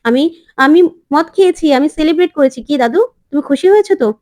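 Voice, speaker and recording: A woman's voice: sits high, expressive, quick pace, a little mellow, voice pushed up. A woman voicing a tipsy young husband who boasts and teases.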